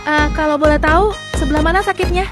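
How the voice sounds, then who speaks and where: A woman's voice: high-pitched, fast talker, voice pushed down, close to an everyday voice. A woman voicing a patient, polite female doctor asking questions in a comedy skit. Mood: calm. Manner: calm, formal questioning. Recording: loud background music.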